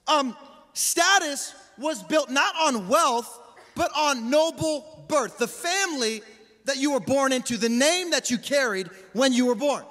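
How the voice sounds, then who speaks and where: A man in his thirties preaching on a large church stage into a handheld mic, animated and slangy, calling out to the crowd. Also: extremely high pitch, unhurried, soft background music. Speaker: pastor. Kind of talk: energetic sermon. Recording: reverberant hall.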